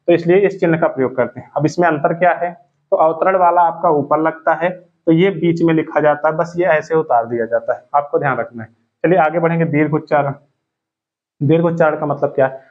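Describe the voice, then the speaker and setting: Grammar teacher man, tinny sound. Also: fairly high pitch. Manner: explains step by step with everyday examples, addressing students directly. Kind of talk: exam-prep lesson. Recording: phone-like narrow sound.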